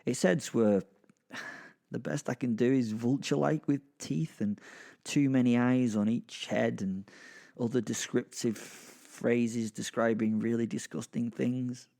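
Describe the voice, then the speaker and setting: In a dark comic horror audio drama, a man plays a gleeful, foul-mouthed werewolf narrating in the first person with a wry, bemused mood. His medium-pitched voice is steady and unhurried with vocal fry, and he rambles sardonically in a conversational style, dropping sweary asides with sighs and chuckles.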